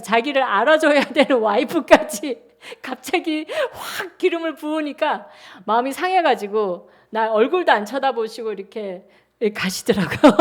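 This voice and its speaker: Woman pastor, 60s, high bright voice, lively chatty sermon storytelling. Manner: animated, chatty storytelling with acted-out quotes. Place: church sanctuary.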